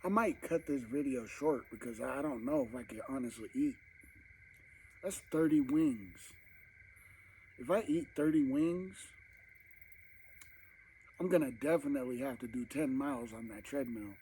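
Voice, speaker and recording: A man's voice: mid-range voice, normal speed, long pauses, a little mellow, a little hiss or hum, rough recording. A man vlogging casually to camera while eating, rambling and talking with his mouth full, at home at night. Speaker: mukbang vlogger.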